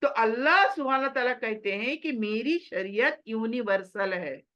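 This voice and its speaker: A woman's voice: a little high, a little slow, a bit bright. A woman giving a religious lesson in an earnest, exhorting manner, slipping English phrases into her talk. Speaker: Quran teacher.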